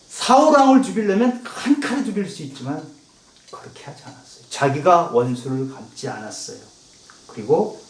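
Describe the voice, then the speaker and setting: A male pastor preaching a sermon, acting out heated prayers and asking the congregation questions. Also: on the high side. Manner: animated, acts out heated prayers to God. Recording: echoey room, voice from a distance.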